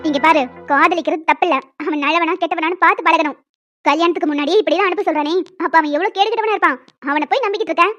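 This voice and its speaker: A woman voicing a stern young female professor who lectures and scolds in an animated story. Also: very high-pitched, rapid-fire, dull audio, soft background music.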